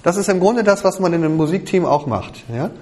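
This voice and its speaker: A man's voice: high voice, lively intonation, quick pace, mellow. A man leading a worship music workshop, explaining how to arrange songs for a band to a group. He thinks aloud, often checks in with "ja?" and hums the drum patterns. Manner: keeps checking with "ja?" and vocalizes drum rhythms. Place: rehearsal or workshop room with a group.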